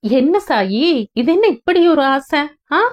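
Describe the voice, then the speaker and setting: A woman's voice: high-pitched, big pitch swings, takes it slowly, highs cut off, pitched above the performer's own voice, heavily acted. Soothing young husband in an audio novel, patient and explaining, read by a woman narrator. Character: gentle reassuring young husband.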